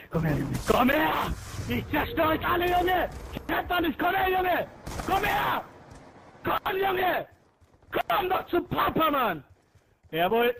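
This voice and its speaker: A man raging and yelling during an online shooter match, swearing and taunting his opponents nonstop. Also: extremely high pitch, gravelly, noisy background. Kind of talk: screaming gaming rant.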